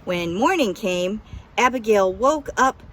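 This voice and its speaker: A woman's voice: mid-range voice, animated, unhurried, a bit bright, slight background noise. A woman narrating a children's picture book as a scripted story reading.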